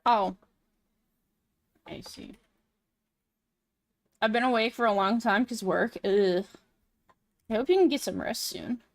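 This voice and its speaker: A woman hosting a casual livestream, chatting in a cute, animated anime-streamer way with drawn-out words. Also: on the high side, no echo. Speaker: VTuber livestream host. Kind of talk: casual livestream chat while drawing.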